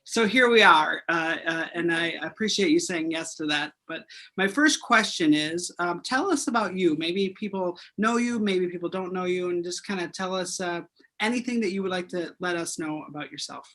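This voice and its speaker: A man's voice: high-pitched, moderate pace, sharp tone. A man hosting an interview, chatty and friendly, often restarting his sentences. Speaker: interview host. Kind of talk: casual interview.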